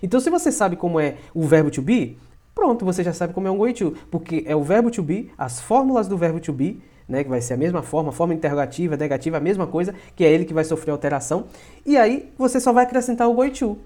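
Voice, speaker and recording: A man with a Brazilian Portuguese accent, an English teacher explaining grammar casually, often adding little tag questions and slowing down for example sentences. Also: high-pitched, animated, dark tone.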